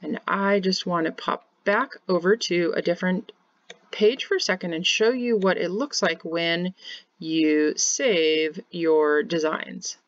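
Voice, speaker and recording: This screen-share software tutorial features a home bakery business teacher from Kansas, United States, explaining labels step by step, picked up by a webcam in the corner of the screen share. Her somewhat low voice goes a little slow, with no room sound and lo-fi quality.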